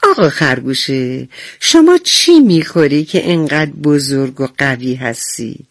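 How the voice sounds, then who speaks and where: A woman's voice: low-pitched, big pitch swings, dry recording, clean studio sound. A woman voicing a playful, curious little frog in a children's radio story, asking eager questions.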